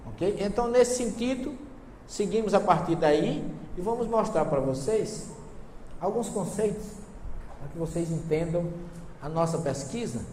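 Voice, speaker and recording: Man, Northeastern Brazilian accent, seminar lecturer, higher-pitched voice, joking and telling anecdotes, recorded in an echoey hall. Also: mellow. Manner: humorous storytelling, asks the audience questions. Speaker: seminar lecturer on Bible translations. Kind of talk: lively seminar talk with anecdotes. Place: lecture hall before an audience. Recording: echoey hall with long reverb, faint hiss.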